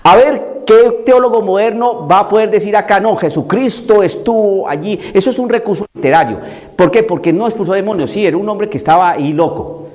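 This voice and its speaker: A man's voice: sits high, a little fast, a little mellow. A man preaching a sermon, emphatic and repetitive, mocking the views he argues against.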